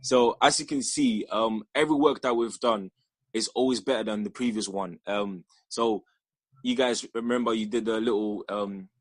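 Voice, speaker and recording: A young man from Ghana talks about his film company in a relaxed interview, his voice a little husky and close-miked with almost no room around it. He rambles, restarts his sentences and laughs easily. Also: fairly low pitch, moderate pace, no echo. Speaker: filmmaker guest. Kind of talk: casual interview chat.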